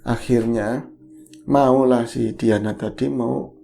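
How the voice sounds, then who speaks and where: Gravelly man telling a horror story. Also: mid-range voice, takes it slowly. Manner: animated, acts out characters in quotes. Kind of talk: casual storytelling chat.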